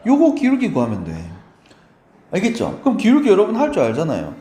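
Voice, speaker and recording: A male math teacher gives a lively, fast lecture, his mellow, dark voice swinging animatedly in pitch. Chatty and encouraging, he keeps asking his students whether they're following. The sound rings with a roomy echo.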